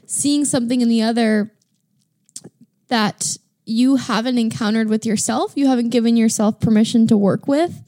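Woman on a podcast thinking out loud, a bit high, warm mellow tone. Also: steady tone, moderate pace. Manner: thoughtful, reflective, says "like" a lot. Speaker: podcast co-host. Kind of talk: casual conversation.

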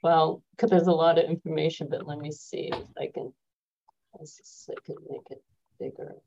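Woman, low pitch, halting presenter on a video call, muffled lo-fi sound. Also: fairly even intonation, warm tone, a little hiss or hum. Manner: hesitant, halting with fillers. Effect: heard over a video call. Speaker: audit presenter in a meeting. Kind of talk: work meeting over a video call.

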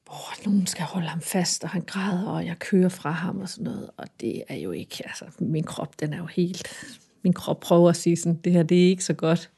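A woman's voice: on the low side, vocal fry, husky. Woman in casual conversation, earnest and reflective. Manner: earnest, reflective, animated at times. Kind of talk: casual chat.

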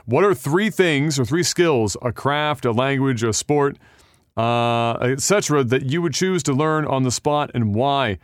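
A man in his thirties chats casually as a podcast co-host, reading viewer questions and riffing on them. His voice is smooth and resonant, recorded dry and close with no room sound. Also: mid-range voice, a little slow, dry recording. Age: 30s. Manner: relaxed, swears, reads viewer questions aloud. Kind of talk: casual chat.

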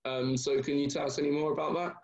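A man's voice: on the high side, level tone, fast talker, vocal fry, a little mellow. A man hosting a podcast, asking questions politely and hesitantly, with plenty of ums. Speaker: podcast host. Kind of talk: casual interview. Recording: roomy.

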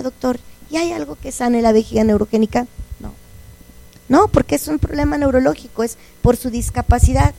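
A woman's voice: on the high side, gravelly, mellow, dry recording, low-quality recording. A woman giving a religious testimony to a congregation, telling her story earnestly and acting out the conversations in it. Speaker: church testimony speaker.

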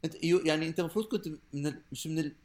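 A man's voice: on the high side, very fast, a little mellow. A young man with a Levantine Arabic accent chatting casually as a podcast co-host, often restarting and repeating his phrases. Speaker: podcast co-host with microbiology training. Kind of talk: casual comedic podcast chat.

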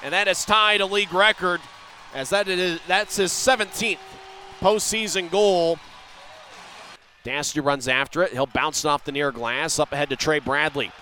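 A man doing rapid live hockey play-by-play as the announcer, in clipped running phrases that can swell into drawn-out shouted goal calls. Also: on the high side, a little hiss or hum. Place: live at an ice hockey arena.

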